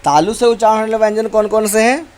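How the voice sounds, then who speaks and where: A male teacher giving a slow, deliberate grammar lesson, reciting letters one by one. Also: high-pitched, fairly even intonation, a little mellow.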